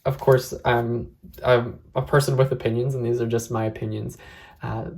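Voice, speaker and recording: A person giving a casual, unscripted review in a measured, reflective way, often hedging opinions. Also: medium pitch, little pitch movement, darkish tone. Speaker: tarot deck reviewer.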